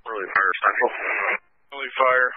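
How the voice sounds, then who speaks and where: A man's voice: mid-range voice, normal speed. Man on a tinny police radio. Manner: urgent, clipped radio calls. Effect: police radio transmission. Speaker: emergency responder on scene. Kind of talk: two-way radio traffic. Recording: tinny radio with faint hiss.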